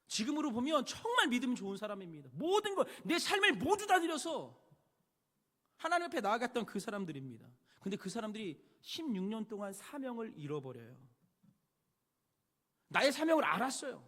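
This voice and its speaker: A male pastor giving a sermon, telling personal stories with animated swings between hushed and loud delivery. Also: extremely high pitch, a little fast. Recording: long hall reverb.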